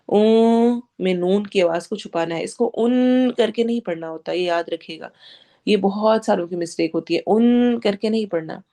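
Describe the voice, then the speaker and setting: A woman with a Pakistani Urdu accent leads a tajweed lesson in a patient teaching voice. She stretches each recited word slowly to show its sounds. Her explanations in Urdu are mixed with English terms. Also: medium pitch, mellow.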